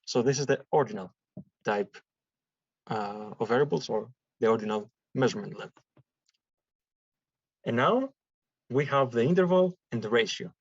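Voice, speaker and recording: A man's voice: medium pitch, animated, slightly rough, no echo. A man from Greece, giving a classroom statistics lecture and explaining step by step with examples. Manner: explains slowly with examples and repetition. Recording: dull dry lecture recording.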